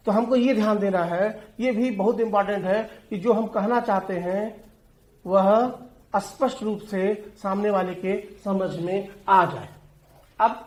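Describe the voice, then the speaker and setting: A man's voice: high-pitched, echoey room. A male teacher giving an exam-prep lecture on essay writing, explaining with everyday examples and speaking straight to his students. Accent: Hindi.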